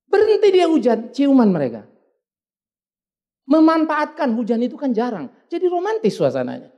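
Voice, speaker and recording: A middle-aged male pastor preaching with a rough, gravelly edge and a husky voice. His pitch leaps up and down wildly as he tells stories, slipping into casual slang and English words. He drops to quiet asides, then bursts out loud. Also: highs cut off. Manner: animated, colloquial, mixing in English words; dramatic swings between quiet asides and loud outbursts. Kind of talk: storytelling sermon. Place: church service.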